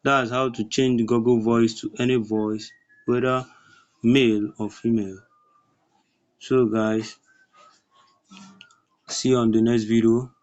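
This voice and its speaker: A man presenting a step-by-step screen tutorial in halting, instructional phrases. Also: mid-range voice, flat delivery, a little mellow, faint music behind. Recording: dull lo-fi recording.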